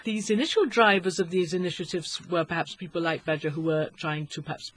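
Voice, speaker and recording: A man conducts a conversational interview. His voice sits high for a man and has a husky edge. He comments and puts questions as an interviewer does. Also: brisk, a bit bright. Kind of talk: conversational radio-style interview.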